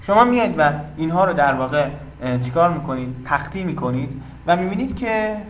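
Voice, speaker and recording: A man's voice: fairly high pitch, slight background noise, poor audio. A man giving an informal lesson on poetic meter, explaining patiently and chanting the metrical feet in rhythm. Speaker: teacher of Persian poetic meter.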